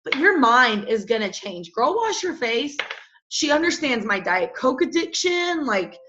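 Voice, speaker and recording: A woman's voice: high-pitched, sing-song, measured pace, fairly bright tone, lo-fi sound, slight background noise. A woman coaching her team on a casual video call, chatty and full of "like" and little asides to the group.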